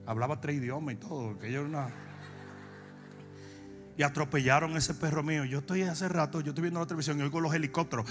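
A Dominican man preaching, telling comic stories and breaking into long shouted cries. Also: a little high, steady tone, music in the background. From Dominican Republic. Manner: shifts from shouted, drawn-out preaching to fast, joking anecdotes. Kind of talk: comic sermon storytelling.

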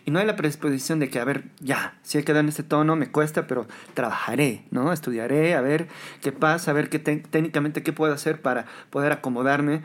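A man's voice: a little high, fairly quick. A young adult Bolivian man with a Bolivian Spanish accent, a pianist chatting in an interview with frequent tag questions. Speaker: guest musician, pianist. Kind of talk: casual interview talk.

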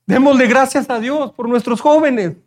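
A man's voice: very high-pitched, moderate pace. A middle-aged man preaching a sermon as pastor, fervent, repeating key phrases and speaking straight to the congregation. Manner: addresses the congregation directly.

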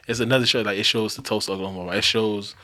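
A man chatting casually about TV shows as a podcast co-host, rambling and animated, swearing freely. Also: lowish voice, rapid-fire.

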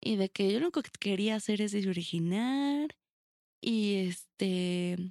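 Young Mexican woman, podcast co-host, mid-pitched, blunt and foul-mouthed, dry close recording. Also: a little slow, no echo. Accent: Mexican Spanish. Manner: blunt, swears freely, animated storytelling. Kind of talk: casual chat.

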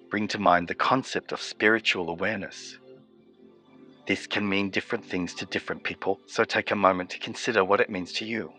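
A man guiding a meditation, giving slow, soothing, evenly paced instructions. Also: low voice, sharp tone. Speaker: meditation guide. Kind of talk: guided meditation.

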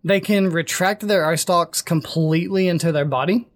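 A young adult host reads creature lore aloud to friends in loose, casual chat. The voice sits at a middling pitch. There are many "like"s and "um"s in the delivery. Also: normal speed. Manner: chatty, reads passages aloud with fillers. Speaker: podcast host reading monster lore.

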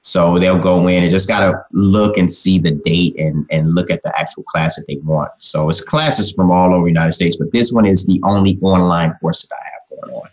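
A man's voice: low-pitched, fairly even intonation, moderate pace, hardly any pauses, rough recording. A man speaking as an interview guest in an informal, folksy way, often dropping in "man" and "you know". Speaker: interview guest, communication trainer and author. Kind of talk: casual interview talk.

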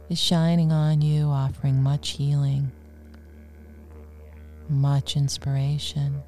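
A woman guides a relaxation meditation in a soft, breathy near-whisper. Her voice is low and very mellow, and she moves slowly through short, soothing phrases with gentle pauses.

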